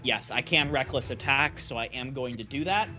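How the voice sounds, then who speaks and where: A man's voice: medium pitch, moderate pace, sharp tone. A man talking casually as a player in a tabletop game session, thinking aloud as he works out rules and dice. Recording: music playing behind the voice.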